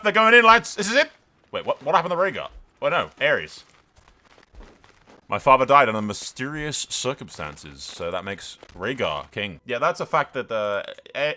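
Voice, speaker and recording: A man with a fairly low pitch hosts a gaming video, offering casual, excitable commentary full of swearing and mixed with some roleplay storytelling.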